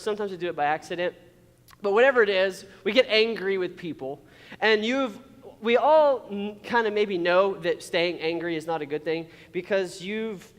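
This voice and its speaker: A man with a notably high voice gives a relaxed, story-driven youth sermon. He is chatty and animated, laughs easily, and keeps tossing "okay?" to the room. His voice rings out with a long reverb tail, as if in a big church hall. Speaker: youth pastor.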